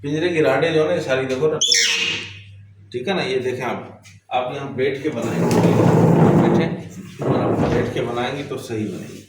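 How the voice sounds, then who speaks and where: A man's voice: medium pitch, normal speed. A man vlogging casually, talking to viewers and coaxing and scolding his pet birds beside their cages. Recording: very echoey, distant from the mic, noisy.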